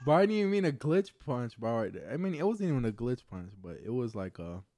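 A man improvising street role-play banter in a slangy, profane, excitable way. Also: mid-range voice, quick pace, background noise. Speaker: gaming streamer playing a street character in online role-play.

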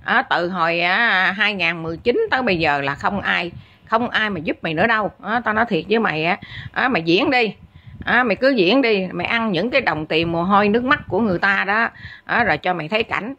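A woman's voice: mid-range voice, animated, quick pace, bright, forceful tone, highs cut off. A woman delivering a blunt, scolding rant as an online commentator, peppering every phrase with "á". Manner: scolding, blunt, repeats filler "á" constantly. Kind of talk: angry ranting commentary.

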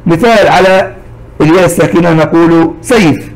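High-voiced male teacher. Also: low-quality recording. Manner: slow, patient, repeats each example word twice. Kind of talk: recorded classroom lesson for young children.

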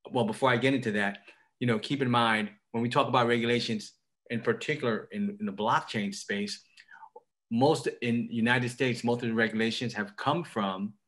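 Bright-voiced man with a Queens accent. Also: fairly low pitch. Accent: New York, Queens. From Queens, New York. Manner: halting, repeats phrases, poses rhetorical questions. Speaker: state legislator, guest speaker. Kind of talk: prepared remarks on a group call. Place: indoor room at home, on a video call.

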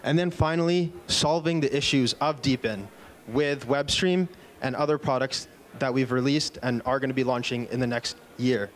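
Holding a microphone on the stage of a large indoor conference room, a man in his thirties gives a cheerful product keynote. He speaks at medium pitch and moderate pace, stumbling into a few fillers and restarts.

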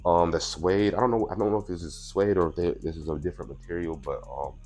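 A sneaker vlogger in his twenties talks fast in a deep, darkish voice with fairly even intonation, a bit congested from allergies. He chats casually through an unboxing on a clip-on mic, soft music playing in his small purple-lit room. His manner is relaxed and chatty, peppered with "you know what I'm saying."

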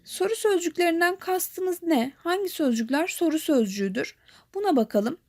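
A young woman teaching a grammar lesson, explaining calmly and clearly and reading example lines slowly. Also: very high voice.

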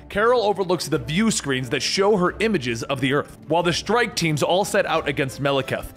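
Male narrator, slightly high voice, lively intonation, dramatic scripted comic-book storytelling, music bed.

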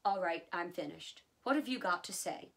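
A woman's voice: lowish voice, expressive, moderate pace, creaky, a bit bright. A woman reading an insistent, lecturing banker. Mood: curt. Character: amused middle-aged male banker, lecturing.

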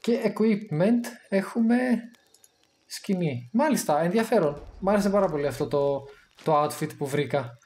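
A man giving casual gameplay commentary, chatty and excitable, thinking aloud as he plays. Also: sits high. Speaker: gamer streaming his play.

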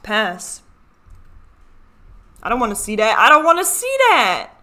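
Very animated, bright and forceful, a young adult host from Chicago talks a little slowly at a fairly high pitch. She offers casual reaction commentary in her Chicago American accent, rambling and interrupting herself, from a small furnished room at home with a desk microphone visible at the edge of the frame.

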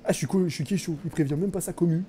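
A man's voice: on the high side, fast talker, mellow, slight background noise. A young man streaming a live game, chatting with his viewers, joking and mocking himself as he plays. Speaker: gaming streamer. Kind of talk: live gameplay commentary.

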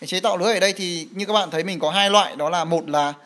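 A man's voice: high voice, quick pace, a bit bright. A man walking through a mobile game feature in casual talk, with many fillers, repeated words and frequent "right?" checks. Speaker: game guide presenter. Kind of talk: casual gameplay walkthrough.

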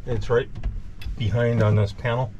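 A man gives short, matter-of-fact replies while showing off his boat. His voice sits at a middle pitch, and clear background noise from the cabin runs under his words. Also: fairly even intonation, moderate pace, warm tone, dull audio. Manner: brief, matter-of-fact answers. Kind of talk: casual conversation. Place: inside a sailboat cabin.

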